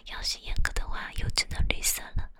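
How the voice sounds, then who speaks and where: A woman's voice: fairly quick, pushed and bright. A young woman hosting a late-night livestream, talking to her viewers in a teasing, playful whisper close to the microphone. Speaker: livestream host.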